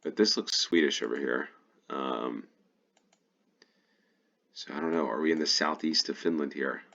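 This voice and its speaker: A man's voice: very deep voice, moderate pace, vocal fry, sharp tone, lo-fi sound. An American man giving casual gameplay commentary as he plays, thinking aloud and correcting himself as he goes. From United States. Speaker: GeoGuessr player and host.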